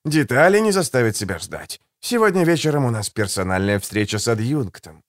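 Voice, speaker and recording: A man reading an audiobook, voicing a suave, condescending male assassin in a soft, low, silky voice. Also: very animated, fairly quick, no echo, clean studio sound, natural voice. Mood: silky, ironic. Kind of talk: audiobook character voice.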